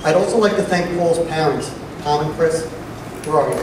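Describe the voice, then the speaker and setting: A middle-aged man giving a father of the bride speech at a wedding reception, speaking deliberately with pauses and dry humor. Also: fairly high pitch. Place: large room at a wedding reception. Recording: echoey reception hall, distant mic, noisy crowd. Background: guests and crowd noise.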